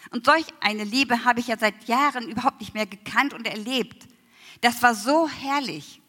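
A woman giving a personal faith testimony, emotional, often slowing down and dropping to near whispers. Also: a little high, bright, forceful tone. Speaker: church member giving testimony. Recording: long hall reverb.

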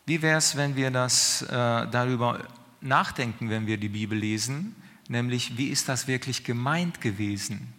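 A man with a sharp, mid-range voice delivers a sermon in a conversational, questioning style, frequently checking in with listeners and leaving drawn-out pauses. The recording carries the long reverb of a hall.

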